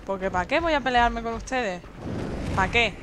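A woman's voice: fairly high pitch, moderate pace, background noise. A young woman streaming a video game, chatting with viewers and her partner and yelping in panic when enemies attack. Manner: excitable, yelps and shrieks in panic during fights. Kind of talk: live gameplay commentary.

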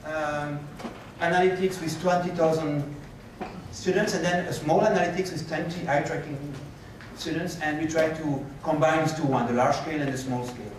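A man giving a conference keynote and answering questions, animated and moving about the stage, recorded from a far camera in a lecture hall. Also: a little high, moderate pace, a little hiss or hum. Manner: animated, gestures while pacing the stage. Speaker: keynote speaker. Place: lecture hall with projector screens. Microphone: far room camera.

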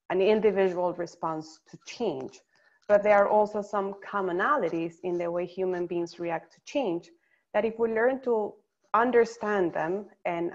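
A woman from Venezuela, a psychologist, presenting slides on a webinar in a measured, explanatory way. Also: medium pitch, muffled recording. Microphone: video call.

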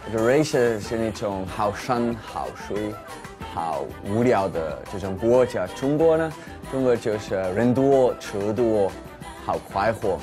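A young man with a low voice introduces himself for a dating show. He is a non-native speaker with a foreign accent in Mandarin, and clear music plays behind him. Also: animated, a little slow. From Switzerland. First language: not Chinese. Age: young adult. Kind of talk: narrated video self-introduction.

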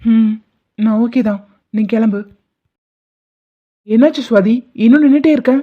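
A woman's voice: fairly high pitch, a little slow. Woman voicing an anxious lovesick college guy. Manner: worried, hesitant. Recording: dull lo-fi audio.

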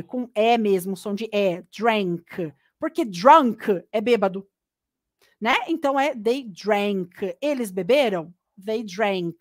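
A woman with a Brazilian accent giving a live online English lesson, chatty and lively, mixing English words into her Portuguese. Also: fairly high pitch, dry recording, studio quality. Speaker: English teacher. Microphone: computer mic on a live stream.

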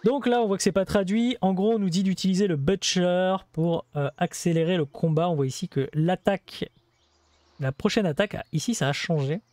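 Guy walking thru a game tutorial, kinda high voice, lots of umms and asides, super dry mic. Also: moderate pace, a little mellow, no room sound. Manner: chatty, explanatory, many hesitations and asides. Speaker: gameplay video host. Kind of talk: casual gameplay commentary explaining a game.

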